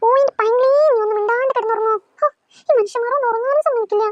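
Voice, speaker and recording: A woman's voice: extremely high pitch, rapid-fire, no room sound. A woman voicing a tired cartoon mother who scolds her child to go to sleep. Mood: exasperated. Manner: scolding, exasperated. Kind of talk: cartoon voice acting. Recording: dull lo-fi dry recording.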